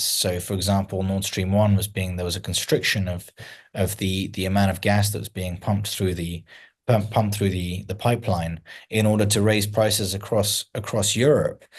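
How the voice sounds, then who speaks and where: A man with a fairly low voice gives long interview answers. He explains things step by step in a measured way, and he often doubles back to restart a phrase before going on. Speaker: interview guest, founder of a news account.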